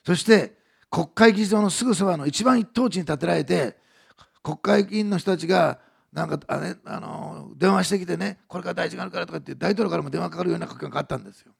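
A man preaching a sermon as pastor, earnest, moving between soft hushed passages and raised emphatic lines. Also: on the high side, quick pace, gravelly, breathy edge.

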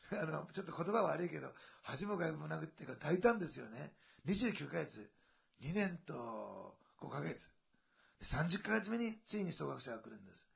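A man preaching a sermon in a lively, conversational way, with asides and a lilt. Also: fairly high pitch, vocal fry. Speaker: pastor.

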